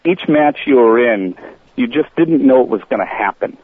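A game studio manager talks through a thin, tinny phone connection. His voice is husky and mid-pitched, and he explains his ideas in a relaxed, chatty flow. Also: normal speed, no room sound. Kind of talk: phone-in interview. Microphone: telephone.

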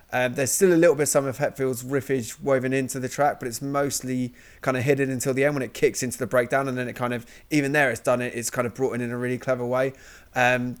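A man hosting a music review podcast, chatting casually and enthusiastically, swearing freely as he moves through the tracks. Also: mid-range voice. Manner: enthusiastic, sweary, leads the running order. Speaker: podcast host.

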